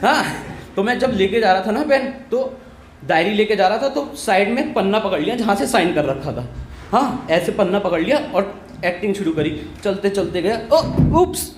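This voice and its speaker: A young male comedian with a high voice tells a school story on stage. He slips into the voices of the people he quotes. The room is echoey, with a faint hum of ambience. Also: animated, moderate pace. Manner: acts out quoted voices of teacher and classmates. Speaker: stand-up comedian. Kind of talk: stand-up storytelling. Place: comedy stage with live audience.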